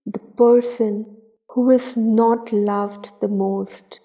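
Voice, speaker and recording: Speaking in a steady, dark-toned, mid-range voice, a woman leads a guided meditation. She's calm and unhurried, letting long silences fall between brief phrases.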